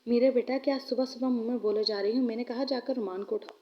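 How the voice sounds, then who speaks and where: A woman voicing a fussy, fond older mother-in-law who scolds gently, in a muffled lo-fi recording. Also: on the high side, fairly even intonation, quick pace, natural voice. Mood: fussing. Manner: scolding, affectionate.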